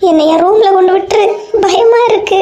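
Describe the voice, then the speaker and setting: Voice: brisk, dark tone, slight background noise. A performer voicing a frightened, clingy middle-aged aunt in a cartoon with a Kanyakumari Tamil accent, pleading over and over in a panic. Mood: scared pleading. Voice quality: very high, squeaky cartoon voice. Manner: pleading, repeats herself in a panic.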